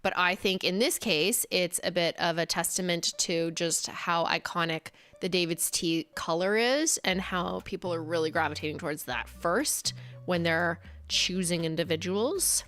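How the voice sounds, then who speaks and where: A young Canadian woman, a brand founder with a Canadian English accent, hosts a casual livestream while sick and losing her voice. Her voice sits on the low side with a fairly bright tone at normal speed. She's chatty, laughs often and switches between English and French.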